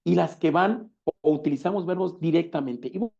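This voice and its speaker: Gravelly man lecturing on law. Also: fairly high pitch, a little fast, a little mellow. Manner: explanatory, asks rhetorical questions, repeats key words. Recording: dull lo-fi recording.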